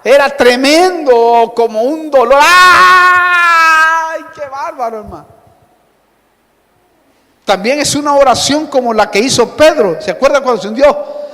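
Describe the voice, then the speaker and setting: A man preaching a sermon with emphasis, often calling out directly to the listener and swinging between soft asides and loud cries. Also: extremely high pitch, moderate pace, long pauses, long reverb tail. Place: church hall.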